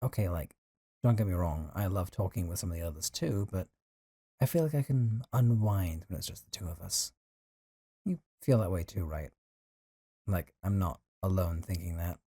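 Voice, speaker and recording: Playing a possessive, lovesick young man in an intimate one-sided audio roleplay call, a man speaks in a low, warm voice with a breathy edge at normal speed. His mood is fond and teasing, and he talks conversationally, sighing now and then. The studio sound is clean with no echo.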